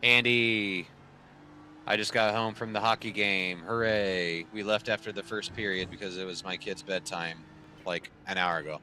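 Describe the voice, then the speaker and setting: Deep-voiced man chatting casually on stream. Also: fairly even intonation, moderate pace, bright, forceful tone, a little hiss or hum. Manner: rambling, sarcastic, filler-heavy. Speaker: sim racing streamer. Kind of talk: casual chat to viewers. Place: home sim racing setup.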